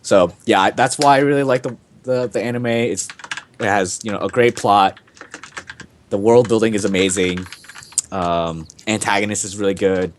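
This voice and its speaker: Young man, low voice, casual podcast host, rambling, filler-heavy. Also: steady tone, moderate pace, slight background noise.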